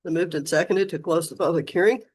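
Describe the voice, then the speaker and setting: Chairing a county commission meeting, a woman with a hoarse, fading voice keeps proceedings moving with brisk procedural language. Her voice sits on the low side.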